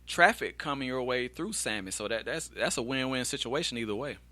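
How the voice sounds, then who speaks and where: Halting male talk-show host. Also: medium pitch, expressive, bright, forceful tone, dry recording. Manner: halting, repeats words while asking. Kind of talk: interviewing a guest.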